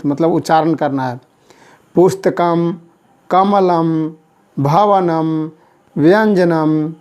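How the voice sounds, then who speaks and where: Slow, patient male teacher. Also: fairly high pitch, darkish tone. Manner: slow, patient, repeats answers for students. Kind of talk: classroom lesson.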